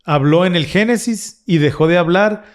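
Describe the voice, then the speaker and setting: A man's voice: high-pitched, moderate pace. Earnest man co-hosting a faith podcast. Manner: earnest, explaining with frequent restarts. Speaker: podcast co-host. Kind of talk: casual religious discussion.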